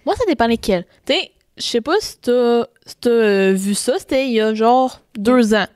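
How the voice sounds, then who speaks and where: Young Québécoise co-host, slightly high voice, halting storyteller, dry mic. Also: female voice, lively intonation, darkish tone, clean tone, no room sound. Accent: Québécois French. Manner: hesitant, many restarts, laughs easily. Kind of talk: casual chat.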